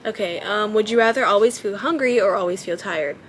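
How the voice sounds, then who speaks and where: A young woman's childlike, baby-ish voice, medium in pitch and a little fast, carries this at-home vlog as she chats to camera. Her manner is relaxed and hesitant, with many ums while she thinks aloud, and a little hiss or hum is present.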